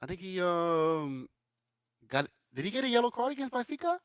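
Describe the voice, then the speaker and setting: A man's voice: high voice, sing-song, normal speed, a bit bright, clean tone, no room sound, clean studio sound. A young man co-hosting a casual football chat, blunt and emphatic, often laughing.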